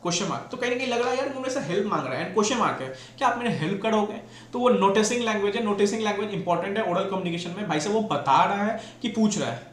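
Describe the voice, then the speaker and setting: A man's voice: sits high, lively intonation, rapid-fire. A man teaching an exam-prep lecture, mixing Hindi and English and asking and answering his own questions. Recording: echoey room with faint noise.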